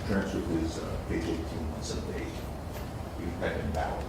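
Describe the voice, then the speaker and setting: Man, cross-examining lawyer, insistent, deliberate phrasing, distant mic, noisy echoing courtroom. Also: deep voice, fairly even intonation, creaky. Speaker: lawyer questioning a witness. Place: large indoor courtroom.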